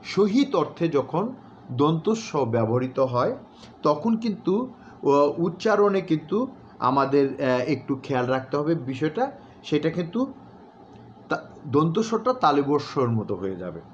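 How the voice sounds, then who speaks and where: Instructor drilling words slowly. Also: male voice, fairly high pitch, big pitch swings. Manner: repeats example words slowly and deliberately, with many filler sounds. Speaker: recitation and newsreading instructor. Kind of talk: pronunciation lesson. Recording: dull, slightly noisy home recording.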